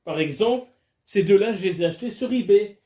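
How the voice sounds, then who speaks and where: A man with a notably high voice talks casually to his camera while alone at home. His chat is loose, joking and full of crude asides. The room around him rings with a clear echo. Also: expressive, a little fast, dark tone. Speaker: vlogger. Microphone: camera filming him.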